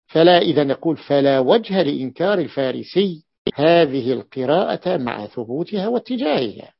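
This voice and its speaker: A man's voice: fairly high pitch, big pitch swings, moderate pace, gravelly, husky, no echo. A man teaching a grammar lesson as a sheikh, explaining step by step and repeating key phrases. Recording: dull, dry lo-fi recording.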